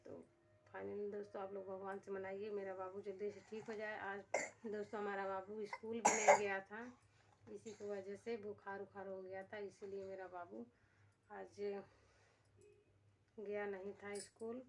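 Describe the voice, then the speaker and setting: A woman's voice: medium pitch, little pitch movement, measured pace, creaky, very noisy. A woman with a Bhojpuri-tinged Hindi accent, chatting casually to her viewers from home at night. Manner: chatty, addresses viewers as friends. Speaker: family vlogger.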